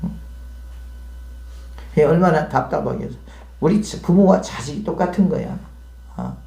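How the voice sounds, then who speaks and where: A man's voice: a little high, expressive, moderate pace, vocal fry, dark tone. A man preaching a sermon as pastor, talking conversationally and peppering the congregation with questions. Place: church hall. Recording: echoey church hall.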